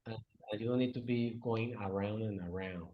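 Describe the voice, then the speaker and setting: This guest is a native Spanish speaker from Venezuela, responding in English to an interviewer in a fairly low voice at a moderate pace. His answers come haltingly, full of fillers, false starts and grammatical slips, and the recording has a dull, lo-fi quality.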